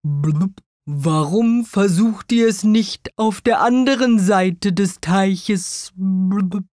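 A woman's voice: mid-range voice, slow pace, a little mellow, dry recording, studio quality, natural voice. A woman doing a blubbing fat carp. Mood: gossipy. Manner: blubbing between phrases. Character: fat male carp who blubs between sentences. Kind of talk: children's audio story.

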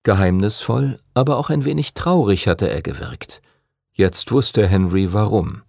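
Gravelly-voiced man narrating a storybook. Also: fairly low pitch, a little slow, dry recording, studio quality. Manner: steady, expressive reading. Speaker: audiobook narrator.

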